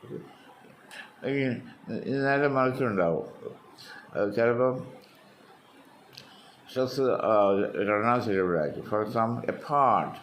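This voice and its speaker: A man's voice: medium pitch, expressive, slow, pauses often, slight background noise. A man with a Malayali accent teaching a spoken English lesson, explaining step by step and repeating words with exaggerated stress.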